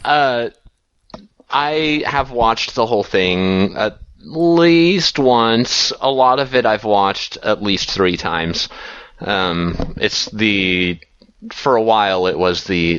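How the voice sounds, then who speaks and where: A man co-hosting a podcast, chatting in a relaxed, chuckling way. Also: on the low side, takes it slowly, smooth, no echo, dull audio. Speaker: podcast co-host. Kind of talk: casual chat.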